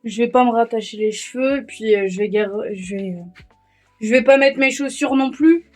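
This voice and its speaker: A woman's voice: a little high, normal speed, darkish tone, no room sound, soft background music. A young woman from France vlogging on her phone, rambling and joking at herself in a casual way. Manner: rambling, self-mocking and chatty. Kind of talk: casual vlog chat. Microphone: handheld phone.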